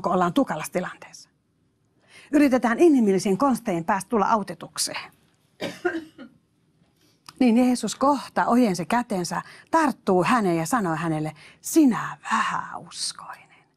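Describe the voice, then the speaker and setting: A woman preacher giving a sermon, emphatic, exclaiming hallelujahs and speaking straight to her listeners. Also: mid-range voice.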